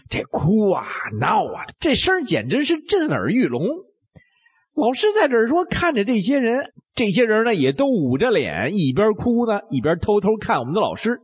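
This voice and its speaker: A man telling a Bible story in a dramatic, animated way, swinging between hushed lines and exclamations. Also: sits high, slightly rough. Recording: dull lo-fi recording.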